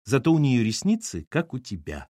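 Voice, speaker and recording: A man voicing a relaxed, wry young new mother in an audiobook. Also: medium pitch, normal speed, no echo, clean studio sound.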